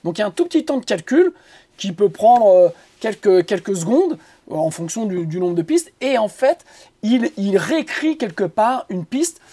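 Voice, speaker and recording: Male producer host, mellow tone, halting casual tutorial delivery full of fillers. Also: high voice, very animated. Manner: rambling, halting with many fillers and repeated words; joking asides. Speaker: music producer teaching audio mixing.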